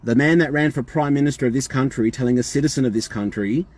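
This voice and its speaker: Insistent husky Australian man on a call. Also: medium pitch, fast talker, darkish tone. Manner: insistent, repetitive, emphatic. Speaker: caller. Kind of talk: phone call complaint.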